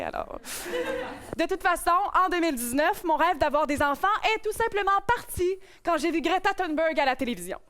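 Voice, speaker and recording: A woman's voice: sits high, fairly bright tone. A young woman with a Québécois accent, hosting and delivering a playful, self-mocking comic monologue on stage. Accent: Québécois French. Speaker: host. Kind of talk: stand-up opening monologue. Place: stage before a live audience.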